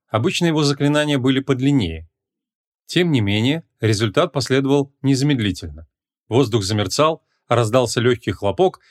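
Man narrating a fantasy audiobook. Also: medium pitch. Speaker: audiobook reader. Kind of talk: scripted narration.

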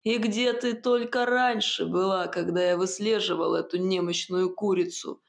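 A woman's voice: lowish voice, steady tone, moderate pace, vocal fry. Woman voicing a sneering sorcerer villain. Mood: menacing. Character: sinister young male sorcerer villain, mocking.

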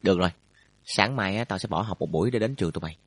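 A man's voice: sits low, very fast, slightly rough, no room sound. A man voicing a brash teen schoolboy. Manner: blunt, offhand slangy talk. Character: scheming teenage schoolboy goalkeeper, brash.

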